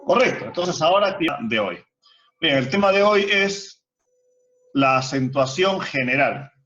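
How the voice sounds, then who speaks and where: In an online class, a man whose voice is on the high side, expressive and a little bright takes his time explaining grammar step by step. He poses rhetorical questions to students, and the video-call audio sounds muffled.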